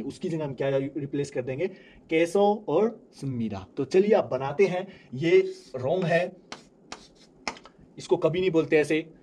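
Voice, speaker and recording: A young man teaching a language class, explaining grammar step by step and slowly repeating each example. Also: a little high, mellow. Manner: repeats examples slowly, asks and answers own questions.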